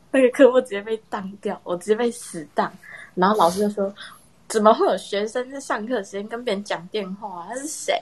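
A young woman casually telling a personal story in a chat with friends, animated and laughing often. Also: mid-range voice, fairly quick, breathy edge. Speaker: storyteller in a horror story contest.

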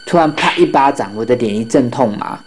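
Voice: medium pitch, animated, a little fast, soft background music. A storyteller narrating a ghost story and acting out the children's lines in their own voices. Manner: acts out children's voices in dialogue.

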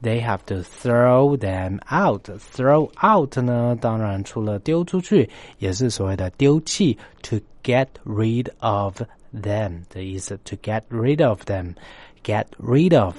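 Emphatic male English teacher, lively voice. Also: lowish voice, dry recording. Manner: emphatic, repeats and spells out words. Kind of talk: story-based English lesson.

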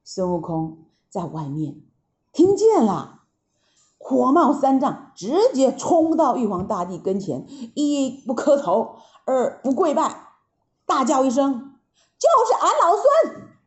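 A woman narrating a classic tale for children, slow and expressive, speaking directly to her listeners. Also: high voice. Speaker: storyteller.

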